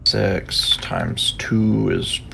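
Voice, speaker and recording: A man playing in a tabletop game, chatty and fumbling his sums out loud. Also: on the low side, huge pitch swings, extremely slow, vocal fry, soft background music. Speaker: player. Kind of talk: casual tabletop play.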